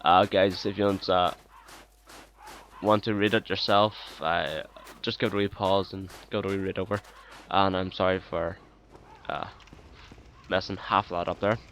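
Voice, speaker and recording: A man with a fairly low voice talks through his gameplay in a relaxed, chatty way, pausing often on ums and uhs. He sounds easygoing and quick to apologize. Faint noise sits behind him. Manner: hesitant, full of ums and uhs. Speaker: let's play host. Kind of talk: casual gameplay commentary.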